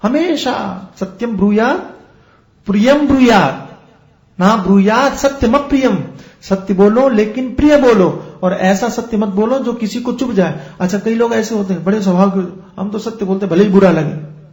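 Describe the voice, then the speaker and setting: A man with a high voice gives a spiritual discourse in an echoey room. He explains his points with everyday examples and keeps asking rhetorical questions. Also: measured pace, a little mellow. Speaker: spiritual teacher.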